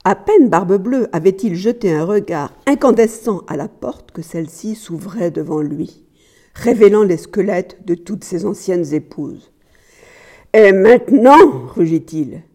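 A woman reading a tale aloud in a calm storytelling manner. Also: fairly low pitch, unhurried, slightly rough. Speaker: reader.

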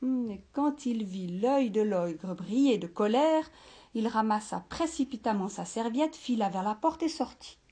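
A woman reads a picture book aloud to a listening audience, at an unhurried pace and with a fairly high voice. Her reading is expressive, and she drops now and then into whispered asides.

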